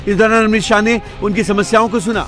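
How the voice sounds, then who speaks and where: A man's voice: sits high, fairly even intonation, fast talker, fairly bright tone, faint music behind. A man reading scripted news narration.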